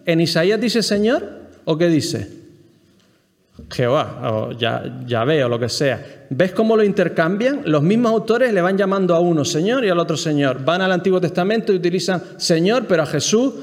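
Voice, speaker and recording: Male Bible teacher from Spain, higher register, explanatory lecture to a group, long hall reverb. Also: expressive, moderate pace. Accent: Spain Spanish. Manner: explanatory, keeps checking in with the listeners and asking them questions.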